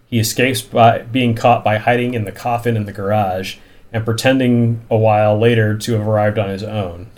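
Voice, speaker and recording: A man's voice: lowish voice, darkish tone. A man recapping a TV episode in casual chat, incredulous and given to long run-on stretches of plot. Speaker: podcast host recapping a TV episode.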